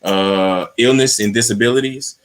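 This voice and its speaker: A man's voice: medium pitch, normal speed. A man, a voter outreach organizer, explaining things in casual chat and checking in with his listeners.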